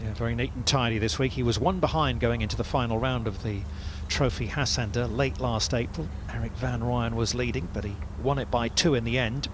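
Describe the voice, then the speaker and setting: A man with a mid-range voice provides live golf commentary as a commentator. Outdoor noise is clearly audible around him on the broadcast. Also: medium pitch, a little fast, few pauses.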